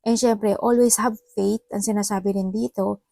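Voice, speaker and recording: A woman from the Philippines giving a casual tarot reading, chatty and laughing often, her voice a little hoarse. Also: mid-range voice, steady tone, normal speed, mellow, no room sound, clean studio sound. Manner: chatty, mixes Tagalog and English, laughs often. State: slightly hoarse voice. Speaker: tarot reader.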